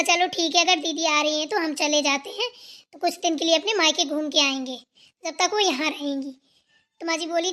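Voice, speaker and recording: A woman's voice: very high-pitched, sharp tone. A woman voicing a defiant, sarcastic young sister-in-law in a cartoon. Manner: sarcastic, retorting. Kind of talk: cartoon voice acting.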